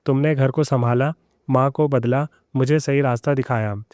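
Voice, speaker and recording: Young husband figure, tired, quick-tempered, voiced by a man, mellow, smooth. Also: medium pitch, fairly even intonation, dry recording, studio quality, lightly acted. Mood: earnest.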